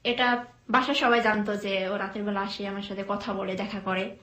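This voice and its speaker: Soft-spoken young woman, hesitant, echoey room. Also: medium pitch, level tone. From Bangladesh. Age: young adult. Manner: soft, hesitant, with many pauses and fillers. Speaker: guest telling her life story. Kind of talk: conversational storytelling interview.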